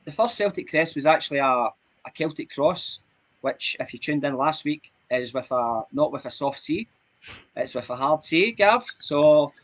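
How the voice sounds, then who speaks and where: A man's voice: mid-range voice, moderate pace, fairly bright tone. A man co-hosting a podcast over a video call, talking informally and working through facts he has looked up. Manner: informal, says mate and bud, recounts researched facts. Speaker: podcast co-host. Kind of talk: casual podcast chat.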